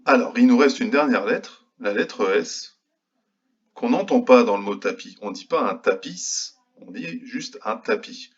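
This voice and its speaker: A male kindergarten teacher gives young children a remote phonics lesson, slowly and patiently sounding out each letter. His medium-pitched voice is expressive and slightly rough, and the recording has its highs cut off.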